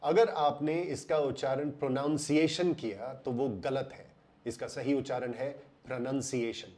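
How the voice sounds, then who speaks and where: An Indian man explaining English pronunciation in a voice-over lesson, slowing down and drawing out words to stress them. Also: medium pitch, mellow.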